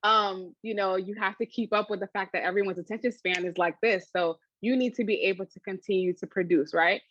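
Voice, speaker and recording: Female interviewee, mid-pitch, chatty and animated, laughs a lot; dry, slightly dull recording. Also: fairly quick, dry recording. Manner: chatty, animated, laughs often, many fillers. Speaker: interviewee, food channel creator. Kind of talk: casual interview answers.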